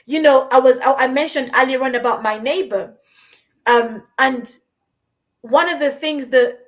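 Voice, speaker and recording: A woman from Uganda hosting a podcast, talking in an earnest, encouraging way and often repeating her words. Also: high-pitched. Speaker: podcast host. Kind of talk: conversational podcast talk. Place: London.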